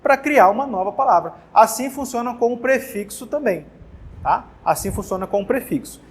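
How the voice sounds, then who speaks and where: The voice here is a man's, extremely high, slightly rough, and expressive, delivered at a moderate pace with a Brazilian Portuguese accent. He teaches grammar for exam prep in a whiteboard classroom, casually restarting words and checking in with students.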